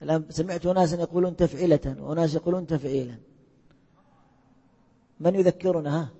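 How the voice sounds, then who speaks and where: A male teacher with a husky, mellow voice leads a classroom lesson, firing questions at his students and echoing their answers. The sound is muffled and lo-fi, with a long reverb from a large hall. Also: fairly high pitch, fast. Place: lecture hall.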